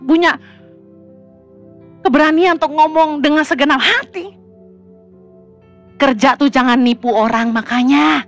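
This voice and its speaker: A middle-aged woman pastor, preaching a lively, colloquial sermon full of humorous stories. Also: sits high.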